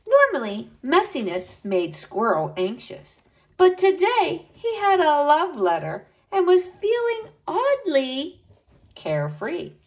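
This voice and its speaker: A woman reads a children's story in a high voice with big swoops of pitch. She takes her time and addresses her young listeners directly in an animated way. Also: slow. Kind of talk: expressive picture-book read-aloud.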